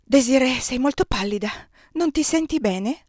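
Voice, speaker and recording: A woman's voice: high voice, animated, moderate pace, darkish tone, dry recording, studio quality, voice pushed up. A woman reading the part of a solicitous, concerned noblewoman in an audiobook. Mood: anxious.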